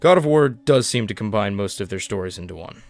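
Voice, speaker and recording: A man's voice: on the low side, lively intonation, fairly quick, faint music behind. A man delivering scripted explainer narration as the narrator of a video essay.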